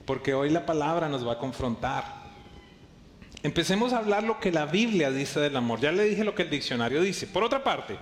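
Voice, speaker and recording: A man preaching a live sermon as pastor to a congregation, lively, playfully acting out his listeners' voices and joking with them. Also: high-pitched. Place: church hall before a congregation. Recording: echoey hall with faint background noise.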